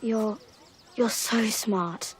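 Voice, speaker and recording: A woman's voice: fairly high pitch, drawn-out words, faint music behind. A female actor playing a timid, self-doubting boarding-school girl who speaks hesitantly in a period drama. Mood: anxious, insecure.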